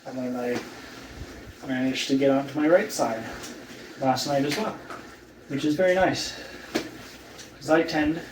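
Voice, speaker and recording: Guy weak and sore after surgery, slow halting casual vlog talk, echoey and kinda far from the mic. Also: mid-range voice, steady tone. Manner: halting, trailing off, with long pauses. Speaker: vlogger documenting own surgery recovery. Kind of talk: casual recovery vlog, talking to camera. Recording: roomy, distant mic, faint background noise.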